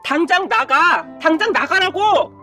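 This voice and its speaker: A woman's voice: high-pitched, expressive, a little fast, faint music behind. A woman voicing a protective young husband who speaks in clipped, firm commands in a story reading. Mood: shouting.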